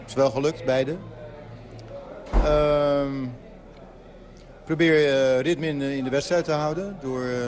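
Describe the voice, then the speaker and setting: Male coach, mid-pitched, slow and halting, crowd clearly audible behind. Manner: deliberate, hesitant, many filler pauses. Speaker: football coach. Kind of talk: post-match interview. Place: outdoors at a football ground. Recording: outdoor interview with crowd behind.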